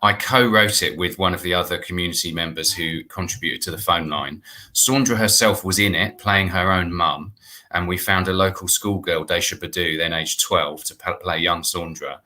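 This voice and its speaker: Appearing as a guest on a video call from a room in his home, this artistic director and playwright in his forties talks casually about a project he's working on. He has a deep voice, moderate pace, and a pushed, bright quality.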